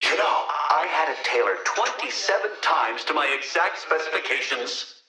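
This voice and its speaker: A man's voice: on the high side, very animated, moderate pace, bright, forceful tone, exaggerated voice. A man voicing a smug, theatrical video game villain who taunts in a pompous, condescending way, heard through a radio effect. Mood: smug condescension. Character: smug, theatrical male villain obsessed with riddles.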